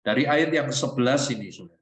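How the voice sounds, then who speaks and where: Male pastor. Preaches with animated storytelling. Mid-pitched voice, recorded in an echoey church hall. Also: fast talker. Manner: animated storytelling, acting out dialogue with his child. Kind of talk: sermon with personal story.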